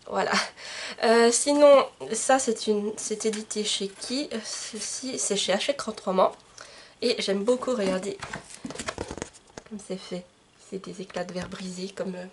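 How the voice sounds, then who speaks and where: Woman, book vlogger, casual chat to camera, husky breathy voice, many fillers and restarts, camcorder mic. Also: mid-range voice. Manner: chatty, frequent fillers and self-corrections. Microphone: camcorder microphone.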